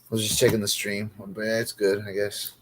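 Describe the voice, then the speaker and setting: A man's voice: fairly low pitch, completely flat delivery, moderate pace, very noisy. Guy ranting on his stream, cursing a lot, keeps repeating himself, fed up. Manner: profane, repetitive, exasperated griping. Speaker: comedian streaming alone. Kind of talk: casual livestream rant.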